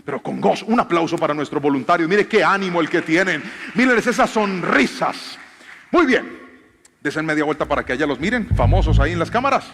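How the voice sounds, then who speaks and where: A man's voice: fairly high pitch, expressive, brisk, fairly bright tone, slight background noise. A man preaching a theatrical sermon from a stage, directing volunteers. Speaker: pastor. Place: large church hall with audience. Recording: long hall reverb, faint music.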